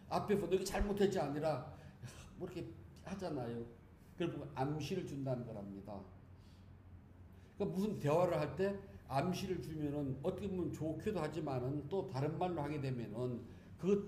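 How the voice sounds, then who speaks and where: Monk preaching with a mellow voice in an echoey hall. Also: male voice, fairly high pitch. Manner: chatty and humorous, speaking to listeners directly. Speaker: Buddhist monk giving a dharma talk. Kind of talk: conversational sermon. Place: temple hall. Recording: echoey hall with faint background noise.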